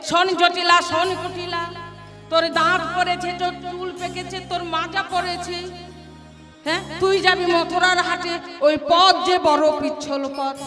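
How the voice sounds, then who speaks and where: A woman voicing an old village go-between woman who declaims loudly and slowly in a sung storytelling performance. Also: extremely high pitch, flat delivery, big-room sound, loud music behind the voice. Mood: admonishing.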